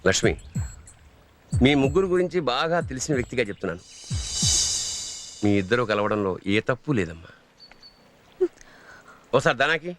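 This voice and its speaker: A man's voice: medium pitch, big pitch swings, normal speed, long pauses, faint music behind, lightly acted. A middle-aged actor playing a wise, fatherly uncle who gives firm advice in a film drama.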